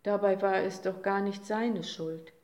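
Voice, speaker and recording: A woman reading a children's story aloud, slow and expressive, in a roomy recording. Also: medium pitch. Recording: roomy echo.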